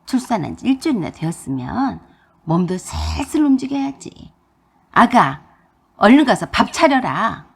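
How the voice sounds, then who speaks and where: A woman voicing a stubborn older mother-in-law who nags loudly and shrilly. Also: very animated, unhurried, creaky, husky, exaggerated voice. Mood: nagging. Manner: loud, shrill nagging.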